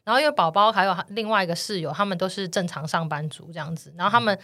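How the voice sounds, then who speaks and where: A woman with a Taiwanese Mandarin accent telling a ghost story in casual podcast chat, animated and swearing at the scary parts. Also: mid-range voice, fast talker.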